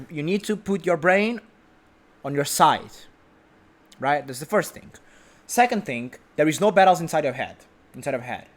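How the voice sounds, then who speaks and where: In a bit bright voice on the high side, a young motivational speaker gives an emphatic talk. He repeats himself for emphasis and frequently checks in with "right?"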